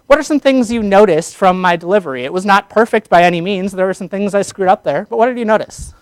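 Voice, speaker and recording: High, clear-voiced male public speaking teacher. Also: fast, no room sound. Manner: energetic, asks the class questions. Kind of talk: classroom lecture. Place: classroom.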